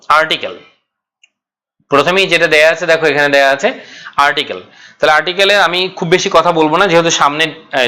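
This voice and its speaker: A man leads an online grammar class. His voice sits a little high and sounds bright and forceful. He explains step by step, asks questions and answers them himself, and repeats key points. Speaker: English grammar teacher.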